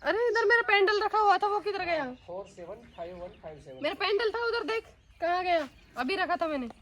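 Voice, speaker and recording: A woman's voice: high voice, fairly quick, a bit bright. A woman acting a harsh, suspicious rich employer in an amateur skit who scolds and accuses her maid. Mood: accusing. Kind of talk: amateur Hindi family skit.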